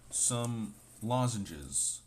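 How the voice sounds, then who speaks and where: A man's voice: fairly low pitch, animated, very slow, background noise. A man casually chatting with a sore throat as he opens card packs, reading card names aloud with playful asides. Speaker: host opening trading card packs. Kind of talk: casual chat.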